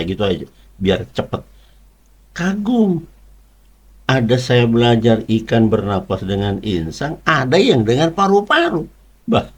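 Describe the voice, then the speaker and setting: Guy preaching real casual, kinda husky low voice, jumps up high when he's excited. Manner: colloquial, chatty, with sudden high exclamations. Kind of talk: informal sermon.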